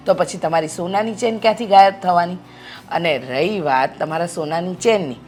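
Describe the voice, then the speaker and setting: A mother-in-law, played by a woman who lectures and reassures at length. Her voice is mid-pitched, with faint music underneath. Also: close to an everyday voice. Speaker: actor in a web drama.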